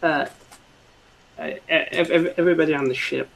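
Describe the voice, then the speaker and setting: A game master narrating a tabletop game in a halting way, with many fillers and restarts. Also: medium pitch, fairly even intonation, vocal fry, a bit bright, slight background noise, rough recording.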